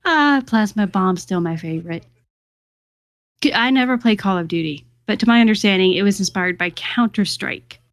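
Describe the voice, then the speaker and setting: A woman's voice: mid-range voice, expressive, normal speed, dry recording. Giggly young woman chatting on stream. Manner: giggly, chatty, self-deprecating. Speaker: guest. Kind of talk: casual livestream chat.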